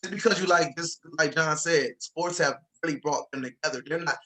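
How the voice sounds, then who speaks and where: Emphatic young man, forceful tone. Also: fairly high pitch, brisk, rough recording. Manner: emphatic, checks in with "right?". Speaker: former college athlete. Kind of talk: panel discussion.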